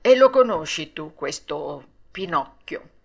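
A woman voicing a calm, plain-spoken old man in a storybook reading. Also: sits low, takes it slowly, gravelly, husky, exaggerated voice. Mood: matter-of-fact.

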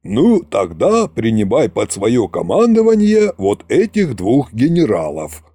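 A man's voice: medium pitch, wildly swooping pitch, unhurried, mellow, breathy edge, no echo, clean studio sound, heavily acted. A man voicing a boastful, pompous immortal sorcerer king in an audiobook, grand and mocking. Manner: grand, self-satisfied, mocking. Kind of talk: audiobook character reading.

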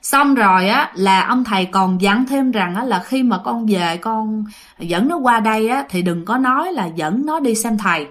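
Woman, southern vietnamese accent, chatty ghost-story teller, fairly high voice. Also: lively intonation, moderate pace. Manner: chatty, addresses listeners directly, many fillers. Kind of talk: casual spoken storytelling.

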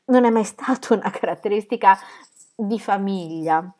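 A domineering older aunt, loud and emphatic, thrown high when she scolds, played by a woman reading aloud. Her voice sits higher than the reader's own, sharp with disapproval. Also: normal speed, natural voice. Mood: scornful. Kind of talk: audiobook reading.

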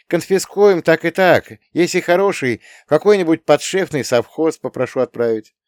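A cocky young auditor, as a male narrator plays himself talks brashly and with lively swings in pitch. His voice is resonant, dry and close. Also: no room sound, natural voice.

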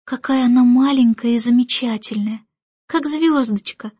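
Woman playing an eager excited young girl. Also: a little high, moderate pace, slightly rough, no echo, lo-fi sound. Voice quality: bright, breathless eagerness.

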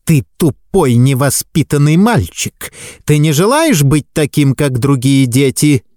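Male reader as a cold spinster teacher in an audiobook, lifted pitch, dry close sound, barking orders. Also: big pitch swings, a little slow, no echo. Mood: scolding. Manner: sharp scolding commands. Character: harsh spinster schoolteacher woman, cold and scolding.

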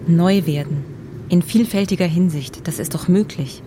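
A woman's voice: lowish voice, moderate pace, noisy background. A woman author narrating fragmentary, contemplative notes in a literary radio feature.

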